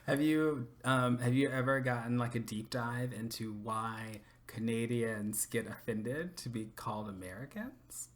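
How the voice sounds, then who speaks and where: A man's voice: medium pitch, measured pace, few pauses. A man hosting a casual podcast interview, asking curious, probing questions. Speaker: podcast host.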